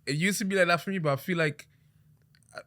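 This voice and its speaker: Lively man telling stories. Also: high voice, fast. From Trinidad. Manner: animated storyteller, laughs often, many restarts. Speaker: podcast host. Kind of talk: casual podcast chat.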